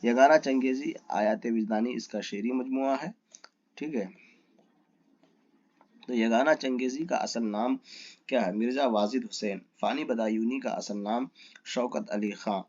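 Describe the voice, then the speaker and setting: A man's voice: medium pitch, pauses often, darkish tone, dull audio. A man teaching a lesson. He reads exam questions and their options aloud, asks for the right answer and then gives it.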